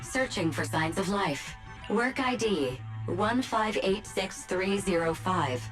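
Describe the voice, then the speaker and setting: A woman voicing a calm, gentle female rescue AI assistant in a video game, politely announcing readouts in an even manner. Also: mid-range voice, takes it slowly. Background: game music.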